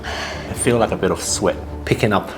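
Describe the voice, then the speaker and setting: Deep-voiced man eating burning spicy food. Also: moderate pace. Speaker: vlogger doing a spicy food challenge. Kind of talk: casual chat while eating. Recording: music playing behind the voice.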